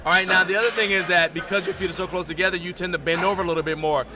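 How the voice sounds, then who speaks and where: A man's voice: sits high, fairly even intonation, racing, music in the background. A man hosting a livestream, casually interviewing a competitor at a powerlifting meet. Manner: chatty, friendly questioning. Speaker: livestream host interviewing lifters. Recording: crowd chatter behind.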